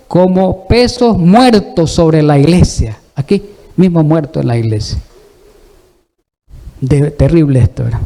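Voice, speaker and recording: A man's voice: high voice, dark tone. A man preaching a sermon, exhorting the congregation and asking it rhetorical questions.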